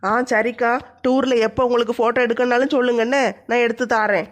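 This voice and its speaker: A woman's voice: on the high side, fairly even intonation, quick pace, natural voice. A woman playing a bold, helpful young village woman in a family skit, cheerful and teasing.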